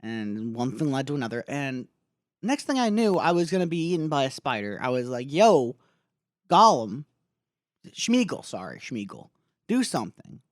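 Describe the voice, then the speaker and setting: Male podcaster doing Frodo: sheepish hobbit, lively sing-song stammer, dry mic. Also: medium pitch, normal speed, no echo, natural voice. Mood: rambling. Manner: rambling, stammering, crude joking. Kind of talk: comedic improv impression.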